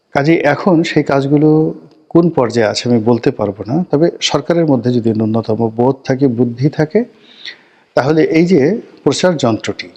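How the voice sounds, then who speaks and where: A middle-aged man giving solo political commentary in a measured, emphatic way, stacking phrases into lists and pausing to stretch out key words. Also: mid-range voice, a little mellow. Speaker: political talk show commentator.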